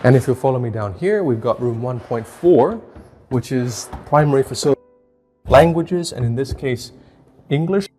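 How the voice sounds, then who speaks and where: Brief: steady, mid-pitched male school guide, deliberate delivery, faint music behind. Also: long reverb tail. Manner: slow, deliberate, with frequent restarts. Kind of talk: guided tour explanation.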